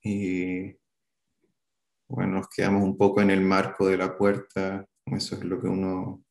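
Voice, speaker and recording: Being interviewed about something that happened before, this thirtyish man from Chile hesitates constantly, restarting and filling gaps. His voice is gravelly, low and flat, carries a Chilean Spanish accent, and echoes off the room.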